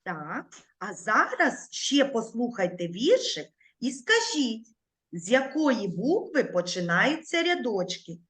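A woman teaching young children in an online lesson over a video call, speaking slowly and clearly and encouraging them. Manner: slow, clear, encouraging teacher talk with lively pitch. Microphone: computer mic on a video call.

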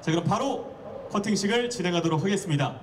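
Lively high-voiced male emcee. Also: fast talker, a little hiss or hum. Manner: bright, courteous announcer delivery. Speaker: master of ceremonies. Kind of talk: ceremony emcee announcements. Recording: echoey distant PA with music.

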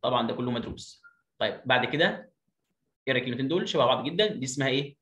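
A man with an Egyptian Arabic accent giving an online phonics lesson. He counts aloud slowly, then drills each word by repeating it. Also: medium pitch, lively intonation, fairly bright tone, reverberant. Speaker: phonics teacher.

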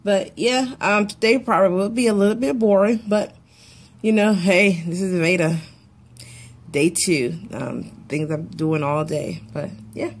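Filming her casual daily vlog at arm's length on a phone or webcam, this forties woman talks to camera through a stuffy head cold, chatty and quick to laugh. Her mid-range voice keeps a measured pace as she moves indoors from office to car to home.

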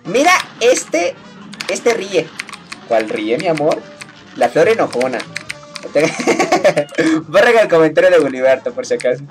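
A woman's voice: sits low, sing-song, unhurried, long pauses, over music. A woman chatting casually with her viewers while she plays a video game, playful and teasing and laughing often. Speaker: game streamer. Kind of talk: casual live-stream chat while gaming.

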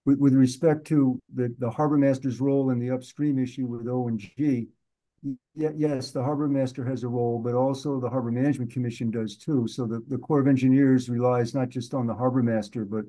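Mellow-voiced man giving a detailed report. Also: medium pitch, low-quality recording. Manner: measured and detailed, with frequent restarts. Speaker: harbor consultant giving a staff report. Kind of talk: meeting report.

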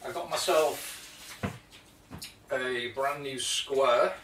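A man's voice: medium pitch, extremely slow, noisy background. Chatty British man in an echoey workshop. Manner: chatty, rambling with fillers and restarts. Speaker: woodworking video host. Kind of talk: casual show-and-tell vlog. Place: home workshop, indoors. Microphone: camera mic from a few feet away. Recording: echoey workshop, distant mic.

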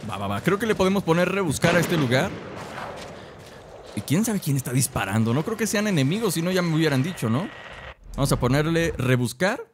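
A man's voice: on the high side, brisk, background noise. A man with a Mexican accent giving chatty gameplay commentary, talking through a tired throat with a lozenge in his mouth. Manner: chatty, talks to his companion and the audience, bursts into excited shouts. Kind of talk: casual let's-play commentary.

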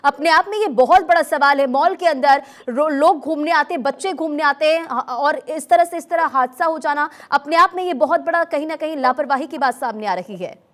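A woman's voice: high voice, brisk, hardly any pauses, a bit bright. A female news anchor presenting breaking news in an urgent, formal way and putting probing questions to a reporter.

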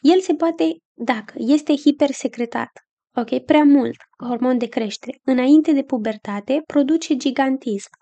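A woman's voice: high-pitched, warm tone, lo-fi sound. A young woman giving a casual exam review lesson, chatty and checking in often with her listeners.

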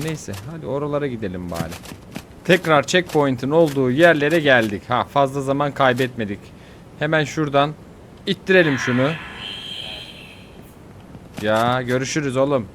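A young man giving casual, excitable commentary on his own gameplay, fretting aloud and yelping at near falls. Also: medium pitch, slight background noise. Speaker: gaming YouTuber.

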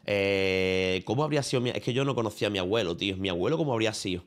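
A man's voice: lowish voice, racing. A streamer man from Spain with a Spanish accent, talking off the cuff in his room. He rambles loosely and swears freely, mixing in street slang as he addresses his viewers and a friend. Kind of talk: casual livestream chat.

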